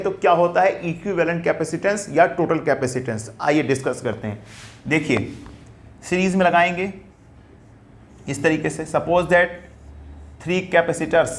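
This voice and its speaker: A male physics teacher lecturing a class, addressing students fondly and asking and answering his own questions. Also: a little high. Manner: dictates notes slowly in English.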